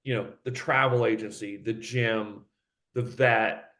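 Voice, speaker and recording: A man being interviewed as a company head, talking in an animated, fast way and acting out the voices of people in his stories. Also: lowish voice. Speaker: guest, company CEO.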